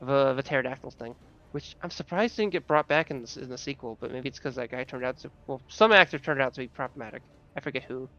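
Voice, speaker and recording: A man improvising narration as game master of a tabletop game, halting as he searches for descriptions. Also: mid-range voice, bright, forceful tone, lo-fi sound.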